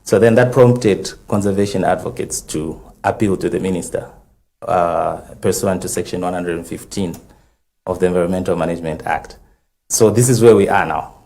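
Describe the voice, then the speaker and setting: Deep-voiced Zambian lawyer laying out dates. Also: male voice, moderate pace, gravelly, darkish tone. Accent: Zambian English. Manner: methodical, recounts a timeline with frequent uh fillers. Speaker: legal counsel for a conservation group. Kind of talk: studio TV panel discussion.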